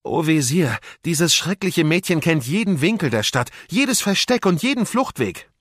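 Storybook henchman: a fawning scarred captain, done by a man, pitched high and strained. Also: very animated, normal speed, a bit bright, dry recording, studio quality. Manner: eager, fawning. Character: scarred, servile male soldier captain.

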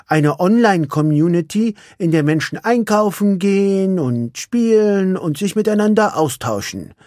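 A man's voice: high voice, animated, unhurried, a little mellow, no echo, studio quality, pitched above the performer's own voice. A man voicing a friendly, helpful male hedgehog who explains things kindly in a storybook reading.

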